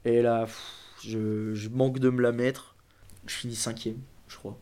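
With a mid-range, mellow voice and a level, unhurried delivery, a young French junior BMX racer of nineteen recounts his story as an interview guest. It's casual and meandering, packed with fillers and restarts.

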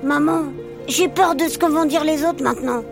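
Lady doing a squeaky, gravelly little crab boy, excitable kid in a storybook, music behind. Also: moderate pace. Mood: worried. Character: cheerful young boy hermit crab wearing a snail shell.

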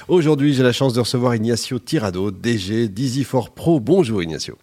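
A man hosting a radio interview, upbeat and prompting his guest with quick questions. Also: mid-range voice, expressive, a little mellow. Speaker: radio host.

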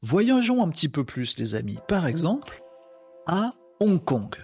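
A man hosting a casual live stream, reading viewer comments and chatting in an animated way. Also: a little high, a little slow, lo-fi sound, faint music behind.

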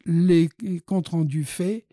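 A man in his sixties from France, a dental surgeon and guest, telling animated anecdotes with frequent laughs and hesitant fillers. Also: a little high, slow, no echo, studio quality. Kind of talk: casual storytelling interview.

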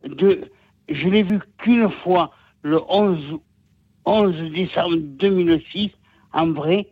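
A man in his sixties from Nîmes with a southern French accent, calling in to a radio show and talking in a rambling, halting way, repeating himself. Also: high voice, husky, no room sound. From Nîmes, southern France. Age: 60s. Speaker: caller. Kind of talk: call-in radio chat. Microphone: telephone. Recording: tinny phone line.

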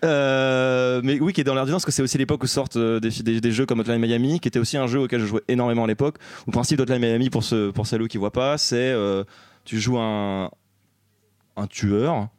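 A man's voice: medium pitch, fairly even intonation, a little fast, a little mellow, no echo, clean studio sound. A young man co-hosting a casual film chat in front of a live audience, rambling with many fillers and self-mocking jokes. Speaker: podcast co-host.

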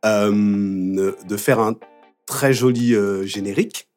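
A man's voice: fairly low pitch, slow pace, a little mellow, faint music behind. A man in his forties from Paris, a theme-song singer chatting as a guest and telling stories with frequent laughter. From France, Paris. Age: 40s. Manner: chatty storyteller who laughs often. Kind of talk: casual chat.

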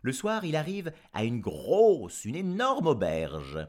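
A playful male storyteller reads a folk tale with teasing asides. His voice swings widely in pitch, animated throughout. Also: slow. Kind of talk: storytelling to a child.

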